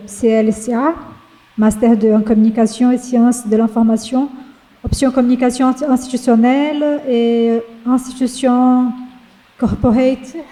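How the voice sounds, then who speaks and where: Moderating a panel, a woman with a Brazilian accent reads a formal academic introduction haltingly, correcting herself along the way. Her voice is fairly high and warm, though the audio is poor.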